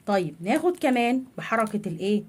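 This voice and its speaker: This is a reading lesson for children, taught by a woman whose accent is Egyptian Arabic. Her pitch sits fairly high and sing-song as she slowly elongates sounds and answers the questions she asks.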